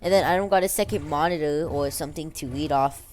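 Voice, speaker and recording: A woman's voice: deep voice, fast talker, darkish tone, slight background noise. A young girl chatting casually and unscripted as a vlogger, rambling in slang with some stuttering and an impediment that turns R sounds into W. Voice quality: speech impediment on R sounds, says w for r. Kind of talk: casual unscripted life-story chat over gameplay.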